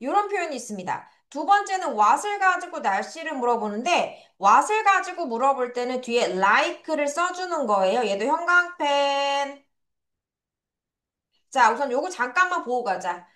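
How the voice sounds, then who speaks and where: A woman's voice: high voice, very animated, measured pace, a bit bright. A young adult woman teaching English to children in a recorded lesson, friendly, drilling pronunciation with repeat-after-me. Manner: friendly, addresses students as friends.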